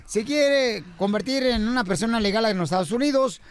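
A man's voice: extremely high pitch, fairly quick, clean tone. A man hosting a radio comedy show, playfully telling jokes and laughing at them. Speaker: radio host.

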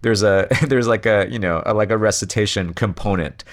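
A man's voice: on the low side, fairly quick. A man talking casually in an interview about writing a song, rambling with many fillers and restarts. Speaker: songwriter guest.

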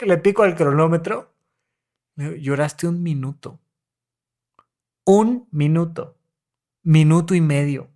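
A Mexican-accented male therapist on a podcast. He coaches his listeners in a demonstrative way and acts out breaths and sighs as he explains. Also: high voice. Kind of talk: podcast talk on emotions.

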